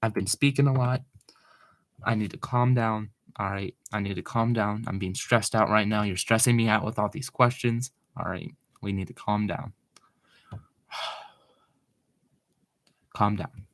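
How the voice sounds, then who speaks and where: Rambling, excitable young streamer man. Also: on the low side, no room sound. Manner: rambling, excitable, talks fast. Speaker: live streamer. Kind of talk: casual live-stream chat.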